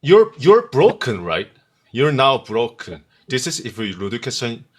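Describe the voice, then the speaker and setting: A man speaks in halting, broken English. His pitch swoops up and down a lot as he flirts on a call. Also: huge pitch swings. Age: 30s. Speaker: guest caller. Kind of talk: casual video call chat.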